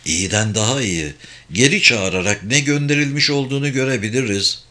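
A man's voice: mid-range voice, fairly quick, bright, forceful tone, natural voice. A man voicing a tough male agent who speaks in a blunt, commanding way in an audiobook. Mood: urgent.

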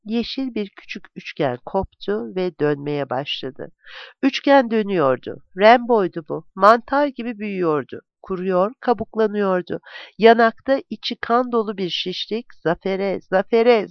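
An audiobook narrator reads a literary novel with a dramatic, expressive delivery. The pitch rises and falls in wide, lively arcs from line to line. The recording is dry and close, with a dull, lo-fi tone. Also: unhurried, dry recording.

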